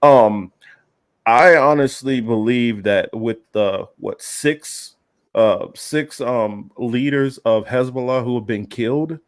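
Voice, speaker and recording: A man's voice: medium pitch, slow, dry recording, studio quality. A man co-hosting a casual political talk, rambling and emphatic, with many fillers and restarts. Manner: heated, emphatic. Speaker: podcast co-host.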